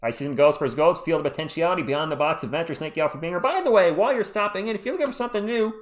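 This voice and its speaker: Reading out viewer comments during his live sports stream, a chatty, laid-back host races along in an animated voice on the high side. His voice sounds tired and worn.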